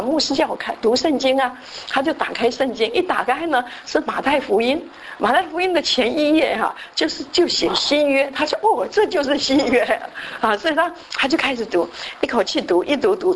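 A woman gives a sermon as a long told story. Her voice sits a little high, and she keeps dropping English words into her speech. A faint noise runs under the recording. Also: lively intonation, a little fast, low-quality recording. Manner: frequent "好" fillers and restarts. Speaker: church speaker.

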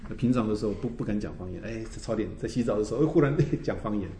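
A man, a pastor teaching a church class, telling stories in a lively way, tagging his phrases with "哈" and laughing often. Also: on the low side, racing. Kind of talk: teaching a Bible class, with anecdotes. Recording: roomy echo.

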